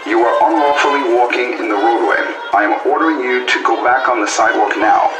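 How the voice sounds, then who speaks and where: A man giving a formal, stern police order to clear the roadway, played as a repeated recording blasted through a loudspeaker sound cannon on a city street. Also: medium pitch, brisk, over loud music. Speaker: police dispersal announcement. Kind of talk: official order read as a recorded loop. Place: city street outdoors at a protest. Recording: echoey, distant loudspeaker over loud street crowd.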